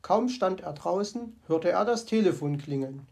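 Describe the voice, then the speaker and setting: A woman narrating a children's story in a calm, measured way. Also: fairly low pitch, vocal fry.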